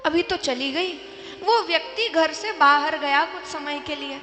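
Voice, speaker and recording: A woman devotional storyteller telling a religious story in an animated way, acting out voices, at a live event in a large hall. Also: high-pitched, a little slow, faint music behind. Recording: echoey hall with long reverb.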